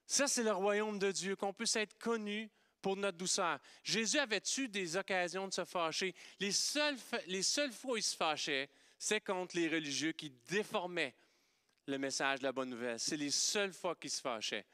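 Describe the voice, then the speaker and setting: Québécois male pastor, lively sermon, slightly high, smooth and crisp. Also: moderate pace, no echo, clean studio sound. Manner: animated and playful, swinging from loud exclamations to hushed softness.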